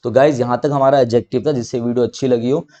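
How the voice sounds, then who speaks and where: A man with an Indian accent teaching an exam-prep English grammar lesson, reading example sentences slowly and checking in with rhetorical questions. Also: mid-range voice, fairly even intonation, mellow. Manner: explains step by step, reads example sentences slowly.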